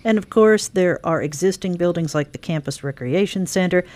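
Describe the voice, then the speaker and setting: Brisk low-voiced woman hosting radio. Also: darkish tone. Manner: brisk, promotional, lists events. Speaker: radio show host. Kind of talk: scripted-sounding radio interview.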